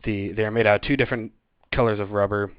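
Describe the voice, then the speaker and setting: Casting: male amateur gear reviewer, smooth low voice, informal and hesitant delivery, lo-fi webcam sound. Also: steady tone, quick pace, no echo. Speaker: gear reviewer presenting a video. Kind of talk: casual unscripted product review. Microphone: webcam setup. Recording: dull lo-fi webcam audio.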